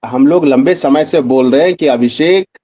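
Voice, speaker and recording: A senior journalist and political analyst appears as a guest, giving pointed, conversational political commentary by asking questions and answering them himself. His mid-range voice is mellow and moderately paced, with no room sound, over dull lo-fi audio.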